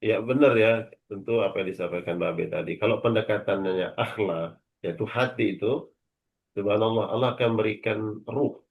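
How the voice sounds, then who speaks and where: Calm man preaching in measured tones. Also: on the low side, gravelly, phone-quality sound. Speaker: religious teacher. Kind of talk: religious lecture.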